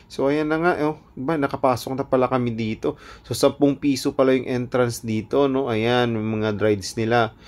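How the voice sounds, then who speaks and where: A man narrating a casual vlog from an outdoor night carnival, filmed on a phone. He keeps up a playful, self-mocking patter and breaks into laughter often, in a voice of ordinary pitch. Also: steady tone, moderate pace, darkish tone. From Philippines. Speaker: vlogger.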